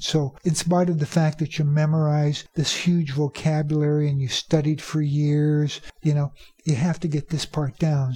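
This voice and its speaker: A native English speaker teaching teachers about pronunciation, repeating key phrases for emphasis and slowing down to demonstrate. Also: mid-range voice, warm tone, husky. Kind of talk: instructional talk.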